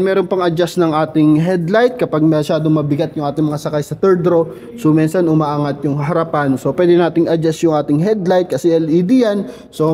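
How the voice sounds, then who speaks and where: A long reverb from hard showroom walls follows the high, mellow voice of a chatty car salesman as he shows viewers around a vehicle. He keeps adding small questioning tags to what he says.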